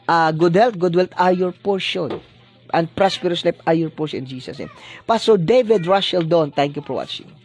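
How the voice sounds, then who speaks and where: Pastor guy preaching on a livestream, slightly high voice, keeps tagging phrases with a question. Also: moderate pace, a little mellow, soft background music. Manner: repeats tag question "no?" after phrases; blessing-decree cadence, preacherly. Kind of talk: livestreamed sermon.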